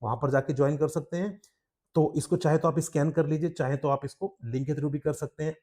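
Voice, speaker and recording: Man, high-pitched voice, law exam tutor, direct advice, frequent check-ins. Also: darkish tone. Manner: explains in Hindi mixed with English, asks "ठीक है?" often; direct, advising students. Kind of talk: exam strategy lesson.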